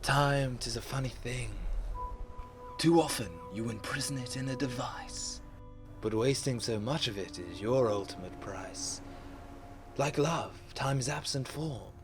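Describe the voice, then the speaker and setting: Man acting slow, whispery Death, aloof and poetic. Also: mid-range voice, music in the background, close to an everyday voice. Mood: grave, scornful. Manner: slow, deliberate, poetic, grandiose. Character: Death, calm philosophical, darkly mocking ancient watcher. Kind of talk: rhymed poetic monologue.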